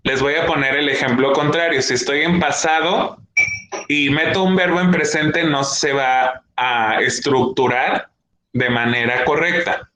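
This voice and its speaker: A young man teaches a class in a slow, patient way and keeps checking that his students follow. His voice is bright and clear. The room echoes, with faint ambient noise behind him. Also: on the high side, steady tone. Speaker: schoolteacher. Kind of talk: classroom lesson.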